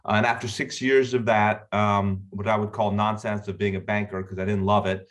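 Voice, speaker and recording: A man's voice: fairly low pitch, flat delivery, brisk. A man from Florida and the Bahamas, a company founder, talking easygoingly as an interview guest. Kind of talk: casual interview.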